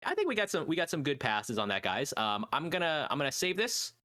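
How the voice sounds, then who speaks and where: A man's voice: fairly high pitch, sing-song, a little fast, bright, forceful tone, dry recording, clean studio sound. A man hosting a casual comedy podcast, often laughing and restarting as he directs voice bits. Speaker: podcast host.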